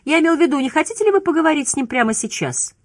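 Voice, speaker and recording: A woman's voice: lowish voice, big pitch swings, fairly quick, a bit bright, husky, dry recording, clean studio sound, exaggerated voice. A woman voicing an elderly male judge who speaks in polite, hesitant questions in an audiobook.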